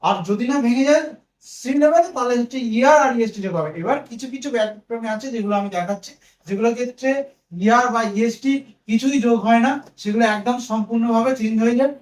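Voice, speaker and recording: A man's voice: very high voice, fast talker. A man teaching English grammar to students, patiently spelling words out letter by letter. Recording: echoey room, mic at a distance.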